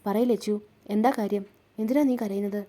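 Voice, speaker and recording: A woman's voice: mid-range voice, steady tone, moderate pace, warm tone, lightly acted. Woman voicing a pleading young seamstress. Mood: anxious. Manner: pleading, anxious questions.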